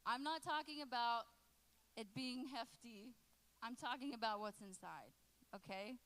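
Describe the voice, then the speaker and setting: A woman's voice: on the high side, measured pace, rough recording. A woman in her late twenties giving a casual, joking talk to a youth group as its youth pastor. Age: 20s. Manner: lively and joking, chatting with teens in the room.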